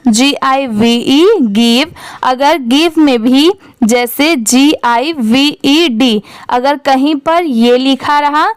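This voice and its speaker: Speaking slowly in a high voice with no echo, a woman teaching English reading walks through spelling step by step. She sounds out each word letter by letter before blending it, posing questions to the class and then answering them herself.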